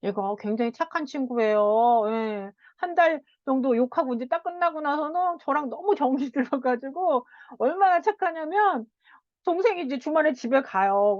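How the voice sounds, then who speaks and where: A woman child counselor giving a parenting lecture, animated, often laughing and acting out what children and parents say. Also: high-pitched, no room sound. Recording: dull, dry sound.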